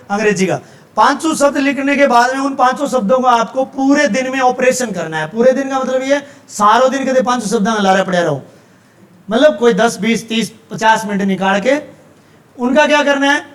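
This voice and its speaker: A male teacher with a Haryanvi accent lectures his class in a voice pitched unusually high for a man. He lays out his method step by step and keeps pausing to check that the students are following. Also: a bit bright. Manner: explains step by step with frequent check-ins.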